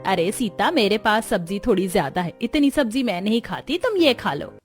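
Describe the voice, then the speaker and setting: A man's voice: high voice, sing-song, moderate pace, soft background music, pitched above the performer's own voice. A man voicing a stingy, bossy older mother-in-law in a storybook cartoon, fussing over every penny. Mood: kindly. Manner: thrifty, fussy, bossy. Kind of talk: storybook narration.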